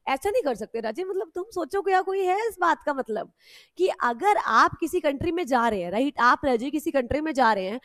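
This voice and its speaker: A woman law teacher, lecturing a class in a loud, animated way, teasing her students and mixing with English. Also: high-pitched, no echo, studio quality.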